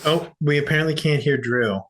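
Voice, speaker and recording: A man's voice: a little high, fairly quick, a bit bright. A man hosting as game master of a tabletop session, with casual, playfully teasing banter.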